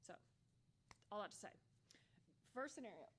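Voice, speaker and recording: A woman's voice: mid-range voice, expressive, normal speed, background noise. A woman giving a conference workshop talk, candid and humorous with playful asides. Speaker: workshop presenter.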